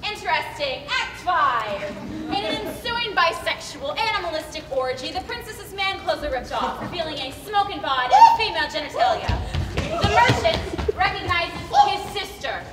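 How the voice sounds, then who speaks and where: A woman's voice: very high-pitched, big pitch swings, normal speed. A woman narrating and acting a stage comedy in a brash, theatrical way. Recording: echoey hall from far off.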